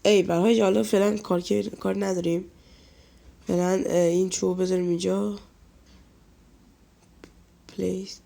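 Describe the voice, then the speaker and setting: Man, stuffy nasal voice with some fry, casual let's-play YouTuber chatting to his viewers. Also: high-pitched, flat delivery, pauses often, dark tone. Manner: chatty, talks to viewers and scolds game characters. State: nasal from a cold. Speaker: gaming YouTuber.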